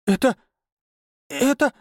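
A man voicing a scornful, sharp-tongued young village girl in an audiobook. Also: sits high, very animated, a little fast, dry recording, studio quality, voice pushed up. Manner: mocking, haughty.

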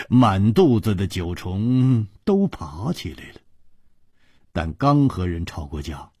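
A man narrating a story in an animated, dramatic radio storytelling style. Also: on the low side, slightly rough, no room sound, clean studio sound.

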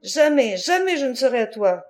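A woman's voice: on the high side, animated, moderate pace, dark tone, natural voice. A woman voicing a fiery, capricious young woman. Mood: defiant. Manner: shifts from defiant to pleading. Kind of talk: audiobook character reading.

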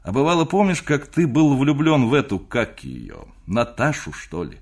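A man's voice: medium pitch, sing-song, normal speed, vocal fry, slightly rough, pitched above the performer's own voice, exaggerated voice. Man doing a mocking, grumbling middle-aged uncle. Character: middle-aged uncle, sardonic, then flustered.

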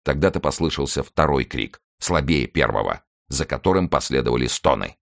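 Male audiobook narrator, deep voice, lively dramatic delivery. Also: moderate pace, creaky. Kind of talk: scripted narration.

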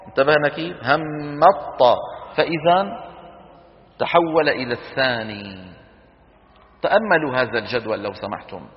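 A middle-aged man leads a recitation class, his slightly high voice pausing to quiz students and demonstrate each sound. The recording is dull, with a long hall reverb around him. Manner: asks students quick questions and answers them himself, demonstrating sounds aloud. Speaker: Quran recitation teacher. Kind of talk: classroom lecture with questions to students.

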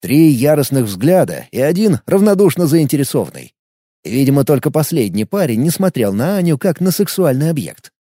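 Lively, mellow male audiobook narrator. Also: a little high, normal speed, no room sound, clean studio sound. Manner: ironic first-person storytelling.

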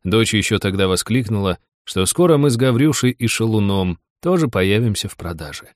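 A man narrating a first-person audiobook in an even, steady storytelling manner. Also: fairly low pitch, moderate pace, no echo, studio quality.

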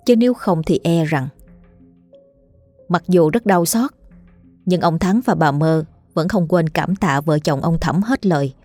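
Woman storyteller, ghost story narration, solemn steady reading, low pitch, faint music underneath. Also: no room sound.

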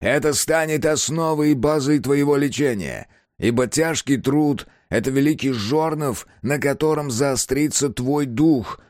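A man's voice: medium pitch, very animated, measured pace, no room sound, studio quality, voice pushed up. A man voicing a fanatical old male prison warden who preaches sanctimoniously and rises to shrieks, in an audiobook reading. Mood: sermonizing.

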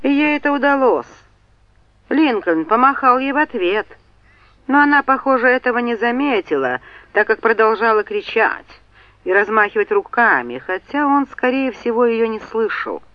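A woman narrating a novel in an expressive, lively storytelling manner. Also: a little high, normal speed, dry recording, muffled recording. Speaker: audiobook narrator. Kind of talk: scripted narration.

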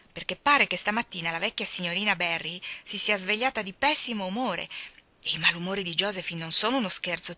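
A stern, gossipy neighbor woman who lectures with smug certainty, played by a woman reader. The tone is bright and pointed. The recording is dry. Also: on the low side, no echo. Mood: gossiping. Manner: scolding, knowing.

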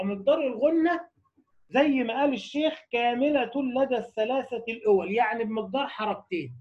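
High-voiced Egyptian tajweed teacher. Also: male voice, lo-fi sound. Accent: Egyptian Arabic. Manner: brisk explanatory, asks the class rhetorical questions. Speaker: Quran recitation teacher. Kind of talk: tajweed lecture.

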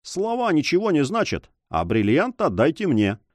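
A man's voice: a little high, huge pitch swings, moderate pace, dry recording, clean studio sound. A man voicing a mocking, cool-headed sailor who talks in a sly, taunting, emphatic way in an audiobook. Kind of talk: audiobook character voice.

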